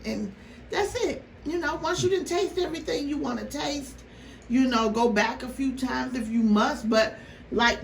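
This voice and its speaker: A woman vlogger telling a story casually to her viewers, animated and exasperated, with rhetorical questions. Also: a little high, creaky. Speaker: mukbang vlogger. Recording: roomy, noisy, distant microphone.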